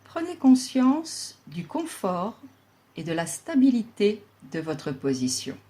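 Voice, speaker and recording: A woman acting as a yoga instructor guides a relaxation session. Her mid-range voice is calm, soothing and deliberate, with long pauses.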